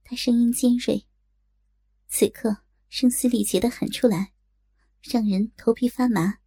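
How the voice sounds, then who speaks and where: A woman narrates a martial-arts audiobook at an even, storytelling pace. Her voice sits a little high but sounds warm, gravelly and husky. The recording is dry and close. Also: unhurried, no echo. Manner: steady, storytelling delivery.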